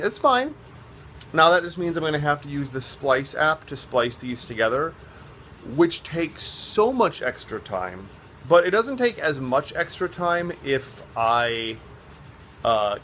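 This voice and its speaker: Recorded on a phone propped on a stand, with a faint hiss or hum, a man with a fairly high, slightly bright voice talks casually to his vlog viewers. A vlogger and drag performer, he rambles, jokes along, and pokes fun at himself.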